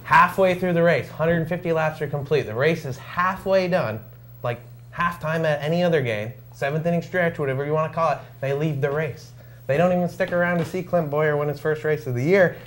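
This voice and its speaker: A man's voice: fairly high pitch, a little fast, a little hiss or hum. A man co-hosting a live local sports talk show, telling a story in a casual, chatty way. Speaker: radio sports talk co-host.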